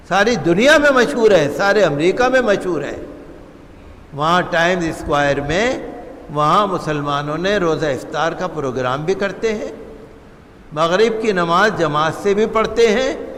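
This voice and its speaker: An imam from India delivers an impassioned sermon on public affairs, his high, animated, slightly bright voice moving at a measured pace. His oratory is full of repetition and rhetorical questions, and a long hall reverb surrounds it.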